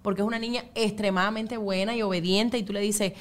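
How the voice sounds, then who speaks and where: A woman's voice: mid-range voice, fairly even intonation, quick pace. A woman from Cuba with a Cuban Spanish accent, chatting expressively as a guest about raising her daughters. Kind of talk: casual chat.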